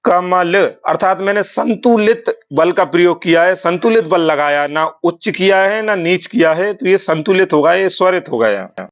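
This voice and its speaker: A man teaching a language lesson, explaining slowly and step by step, sometimes drawing out sounds to show them. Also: high-pitched, lively intonation, muffled recording. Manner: slow, explanatory, often drawing out sounds to demonstrate. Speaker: Sanskrit teacher.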